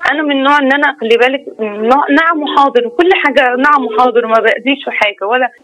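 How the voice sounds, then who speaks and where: A woman with an Egyptian accent calling in to a talk show over the phone, telling her complaint in a rushed, pleading, repetitive way. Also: high-pitched, background noise. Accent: Egyptian Arabic. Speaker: caller. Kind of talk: phone-in call, emotional complaint. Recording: tinny phone line.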